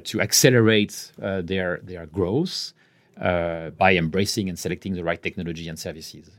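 A French man in his fifties with a deep voice and a French accent answers interview questions as a guest executive. He speaks in a measured way, pausing mid-phrase and letting his voice trail off softly.

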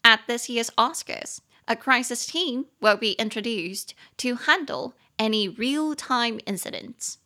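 A young woman hosting a podcast English lesson, playful and giggly, repeating and spelling English words slowly. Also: a little high, lively intonation, pushed and bright. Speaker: English teacher and podcast host.

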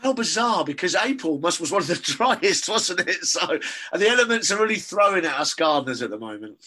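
An animated man with a Cockney accent and a bright, forceful voice. He chats with a gardening podcast host, pitched a bit high and laughing easily. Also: a little fast. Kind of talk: casual chat.

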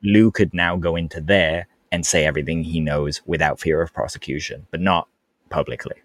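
A man co-hosting a podcast, chatting casually and explaining things plainly, quick to laugh. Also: a bass voice, steady tone, no room sound, studio quality. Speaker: podcast co-host.

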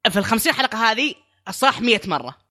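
A young man co-hosting a casual podcast, excitable and given to mocking impressions. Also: high voice, very fast. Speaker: podcast co-host.

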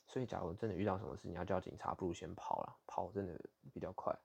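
A man's voice: low-pitched, fairly even intonation, quick pace, vocal fry, husky. A man from Taiwan with a Taiwanese Mandarin accent, hosting a podcast and telling stories casually, candid and indignant, swearing bluntly now and then. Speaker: podcast host. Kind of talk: casual storytelling monologue.

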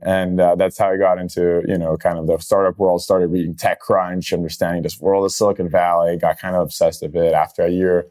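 A young man from Brazil, a startup founder, telling his story in a relaxed interview with many fillers. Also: deep voice, brisk, hardly any pauses. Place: outdoor event venue.

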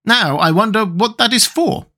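Man doing a high-voiced, reasonable Tin Woodman. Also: moderate pace, sharp tone. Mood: curious. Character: mild, practical tin man with stiff joints.

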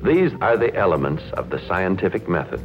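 A man narrates an old newsreel in a measured, announcer-like way. His voice sits fairly low but swings widely in pitch. The sound is dull and lo-fi, with faint music underneath. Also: sing-song. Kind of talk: formal scripted narration.

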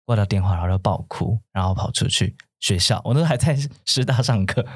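A man's voice: fairly low pitch, fast talker, husky, dry recording, studio quality. A man, earnestly telling a personal story as a podcast co-host. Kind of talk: casual chat, personal storytelling.

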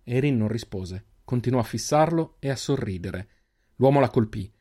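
A male narrator reading a fantasy adventure in a steady, measured way. His voice sits at an ordinary middle pitch. He leans on dramatic pauses to build tension. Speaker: audiobook narrator. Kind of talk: scripted narration.

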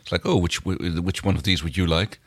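Deep-voiced man in a dry podcast chat. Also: steady tone, fairly quick, husky, dry recording. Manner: agreeable, searching for words. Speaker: podcast co-host. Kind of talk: casual chat reviewing a TV series.

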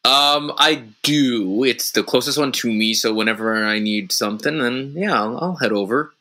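A man's voice: medium pitch, normal speed, bright, forceful tone, natural voice. A man playing a cheerful suspect in an improvised comedy interrogation, hesitating and fumbling his answers. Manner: hesitant, laughing through answers. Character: cheerful male neighbor suspect.

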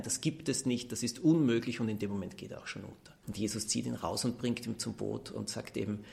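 Brief: Austrian-born author, guest on an interview, gravelly mid-pitched voice, thoughtful explainer. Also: male voice. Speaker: children's book author, guest. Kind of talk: interview answers.

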